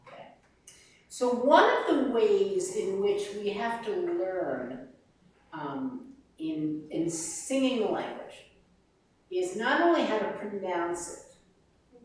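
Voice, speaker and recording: Woman vocal coach, unhurried, demonstrative, recorded from across a very reverberant room. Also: mid-range voice. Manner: animated, demonstrates sounds and sung lines. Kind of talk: master class teaching. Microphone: distant room mic. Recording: very echoey room from far off.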